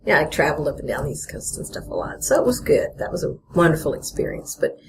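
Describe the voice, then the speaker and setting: A woman's voice: low-pitched, big pitch swings, fast talker, vocal fry, whispered. A middle-aged woman from Texas, a festival organizer talking casually in an interview, laughing often and saying "you know" a lot. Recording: faint background noise.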